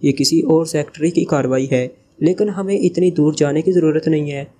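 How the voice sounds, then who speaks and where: A man's voice: a little high, fairly quick, mellow, a little hiss or hum, natural voice. A man reading the part of a sly, joking male spy leader in a teasing, evasive way.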